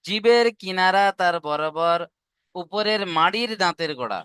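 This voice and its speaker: With a high-pitched, fairly bright, clear and resonant voice at a moderate pace, this man teaches Quran recitation online. He is patient, repeating points and asking his students if they understand. The audio is clean studio sound with no room sound.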